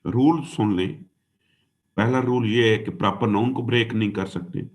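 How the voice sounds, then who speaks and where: A man's voice: lowish voice, steady tone, moderate pace. A man giving a classroom lecture as an exam-prep teacher. He calls his students "dear student" and "son", spells words out letter by letter, and mixes English into his talk. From Pakistan.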